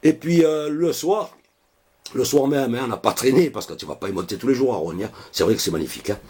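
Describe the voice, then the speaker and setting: A man with a broad Marseille accent spins a tall tale, his husky voice swooping up and down as he goes. He talks in a loose, chatty rush, dropping filler words at the end of almost every phrase. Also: mid-range voice, fairly quick. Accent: Marseille French. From Marseille, France. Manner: animated, loose and colloquial, full of hein and quoi fillers. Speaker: joke teller. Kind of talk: casual joke storytelling.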